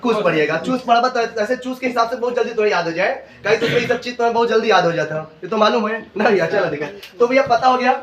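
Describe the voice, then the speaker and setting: A man's voice: high-pitched, quick pace, hardly any pauses, fairly bright tone, far from the mic. A male coaching class teacher with a Uttar Pradesh Hindi accent, leading a classroom lesson and drilling terms with his students in call-and-response. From India. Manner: repeats questions to students, drills terms aloud. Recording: roomy lo-fi classroom sound from afar. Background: students in the room.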